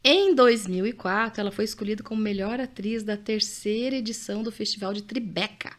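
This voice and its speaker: A woman's voice: mid-range voice, brisk. A middle-aged woman with a Brazilian accent hosting a podcast, chatting casually and reading out facts with her own asides. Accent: Brazilian Portuguese. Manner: chatty, often adds "né?", reads out facts with asides. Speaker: podcast host. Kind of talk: casual conversational podcast chat.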